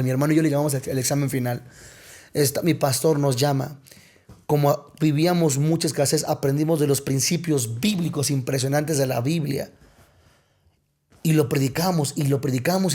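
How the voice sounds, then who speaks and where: A man's voice: medium pitch, warm tone. A young adult man from Mexico, a pastor telling a personal testimony on a podcast, emotional and repeating words for weight.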